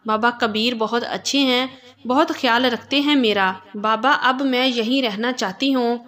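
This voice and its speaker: A tearful young mother begs and sobs in a storybook tale, as a woman narrator puts her on. The voice sits a little high and pleads through tears. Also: fairly bright tone, lightly acted. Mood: pleading. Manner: pleading, sobbing delivery.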